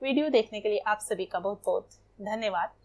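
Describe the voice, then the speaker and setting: A woman's voice: mid-range voice, fairly quick, a little mellow. A woman Hindi teacher giving a lesson to schoolchildren, explaining each exercise patiently and repeating examples.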